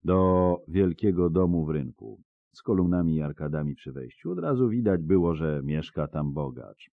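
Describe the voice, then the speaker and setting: A man's voice: sits low, animated, moderate pace, vocal fry, no echo, narrow, tinny audio. A man doing a deferential soldier testifying. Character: nervous male soldier testifying before a tribunal. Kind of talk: audiobook character voice.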